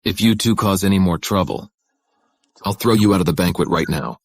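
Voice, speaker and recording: A stern, deep-voiced hidden boss. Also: male voice, fairly quick, slightly rough, dry recording. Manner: stern, commanding. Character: commanding young hidden boss posing as guard. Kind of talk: English drama dub. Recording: dry studio dub.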